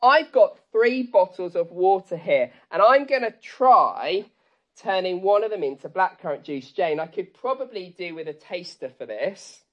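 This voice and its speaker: A woman's voice: fairly low pitch, expressive, moderate pace, highs cut off. A woman leading an interactive children's talk at church, with playful patter like a kids party magician and chatty asides. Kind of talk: interactive family sermon with magic-trick demonstration.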